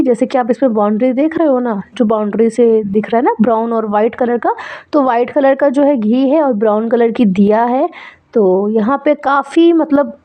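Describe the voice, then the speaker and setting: A woman's voice: on the high side, dark tone. A young woman narrating her vlog in a chatty, affectionate voice-over with plenty of fillers. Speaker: vlogger.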